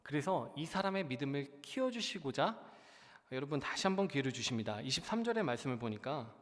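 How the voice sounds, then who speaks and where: A man's voice: medium pitch, big pitch swings, a little fast, fairly bright tone. A young man preaching a sermon as junior pastor, earnest, often turning to the congregation and building to emphatic peaks. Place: church sanctuary. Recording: long church hall reverb.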